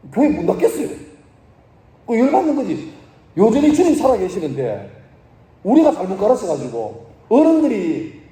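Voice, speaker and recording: Pastor guy in his 40s preaching to teens, really high voice, dark mellow tone, echoey church room. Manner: animated, colloquial, swings from loud exclamations to low asides. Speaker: pastor and school teacher. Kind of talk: sermon to young people.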